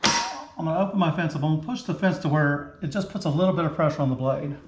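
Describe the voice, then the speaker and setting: A man's voice: on the high side, quick pace. Plain-spoken man in an echoey workshop. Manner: plain-spoken, step-by-step, talks through each move as he works. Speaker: woodworking channel host. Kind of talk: casual how-to narration while working. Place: home woodworking shop, indoors. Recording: echoey garage shop with faint noise.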